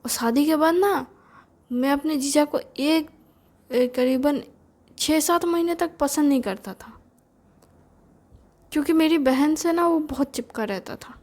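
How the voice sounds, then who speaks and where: A woman's voice: sits high, a little slow, long pauses, a little mellow. A woman telling a story in a casual first-person way, chatty and confiding with plenty of fillers.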